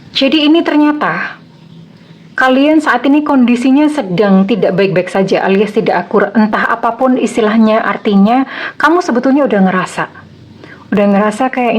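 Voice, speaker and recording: A woman's voice: medium pitch, darkish tone. Chatty woman doing a tarot reading. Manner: chatty, repetitive fillers, acts out quoted lines. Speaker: tarot reader. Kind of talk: casual tarot reading to viewers.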